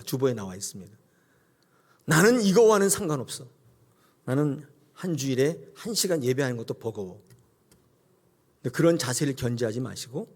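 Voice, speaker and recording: A middle-aged male pastor preaching a sermon and acting out scenes with sudden high cries. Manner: animated, acts out God's voice with sudden high cries.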